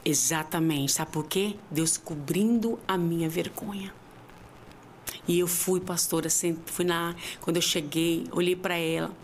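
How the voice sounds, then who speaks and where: A woman telling her personal faith story as a podcast guest, heartfelt and sometimes tearful, dropping to near whispers and then rising to high, emphatic cries. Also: fairly even intonation, a little slow, a little hiss or hum. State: tearful at times. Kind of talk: emotional faith testimony.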